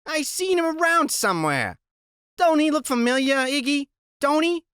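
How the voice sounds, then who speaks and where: A fretful chain-smoking woman in a robe, voiced by a reader, nagging in a raised, lively voice. She sits far above the reader's usual pitch. The sound is dry and close. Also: moderate pace, no echo. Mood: puzzled.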